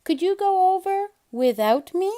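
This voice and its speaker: Storybook young male cat, female reader: excitable, sing-song, high-pitched, very animated. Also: unhurried. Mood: eager, bright.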